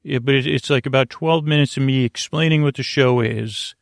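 Speaking at a medium pitch, a man hosting a podcast offers a calm, rambling bedtime monologue in a creaky voice, with stalled repetitions and drawn-out silences. The recording is dry and studio clean.

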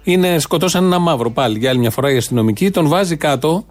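A man talks politics on a show, his voice sitting on the higher side. He sounds indignant and sarcastic as he comments, in the loose rhythm of casual chat. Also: lively intonation.

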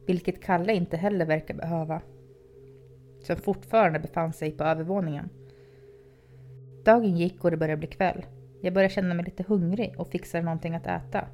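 Female storyteller, low dark voice, calm reading, faint music bed. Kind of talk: podcast horror story narration.

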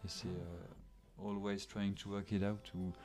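A young man chatting excitedly about music he loves, slangy and quick to laugh. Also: lowish voice. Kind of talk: casual chat about music.

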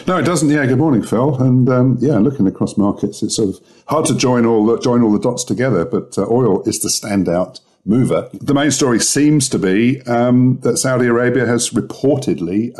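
A man talks through oil and gas news as a guest analyst, pausing often on ums. His voice sits low and sounds a little rough, as it does early in the morning. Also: a little mellow. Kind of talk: casual expert commentary.

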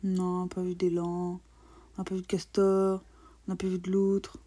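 A woman's voice: fairly low pitch, monotone, moderate pace, mellow. A young woman co-hosting a travel podcast, telling the trip with teasing, sarcastic banter. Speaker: podcast co-host. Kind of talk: casual travel chat.

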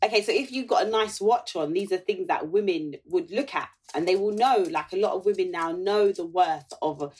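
A woman with a husky voice, chatting casually as a panel guest. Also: mid-range voice, a little fast, hardly any pauses, a little mellow. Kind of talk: casual chat.

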